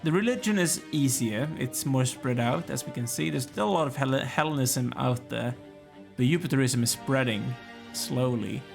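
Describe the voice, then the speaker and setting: This let's play gamer has a gravelly, medium-pitched voice and a moderate pace, with music underneath. Yawning and worn out, he drifts through a strategy game, thinking out loud and addressing the on-screen characters.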